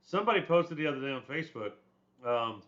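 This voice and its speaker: Lively and quick, with a mid-range, somewhat bright voice, an older instructor rambles casually through a textbook chapter with asides and restarts. A retired soldier born in Germany and brought up in the United States, he's heard on a slightly dull lo-fi recording.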